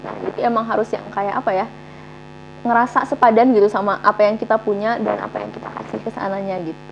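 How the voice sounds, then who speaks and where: Young woman guest, quick casual talker, dull recording with faint hum. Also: medium pitch, lively intonation. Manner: chatty, many fillers. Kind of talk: casual chat.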